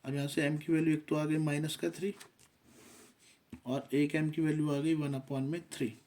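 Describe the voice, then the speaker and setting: A man's voice: on the high side, flat delivery, normal speed, warm tone. A man teaching a math lesson, working through steps methodically and mixing English terms into his explanation.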